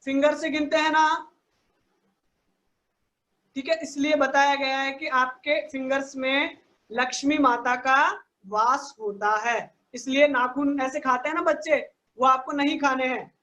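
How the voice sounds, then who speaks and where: A woman's voice: high-pitched, fairly even intonation, a bit bright, echoey room. A woman teaching an online class for children, patiently explaining step by step and checking often that the kids follow. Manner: patient, explains slowly, asks "ठीक है ना" again and again. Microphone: online video call.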